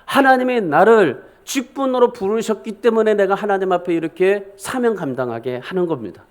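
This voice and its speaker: High-pitched middle-aged pastor guy preaching in church, emphatic, keeps asking the crowd questions. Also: expressive, brisk. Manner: emphatic, asks the congregation questions. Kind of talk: sermon. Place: church sanctuary.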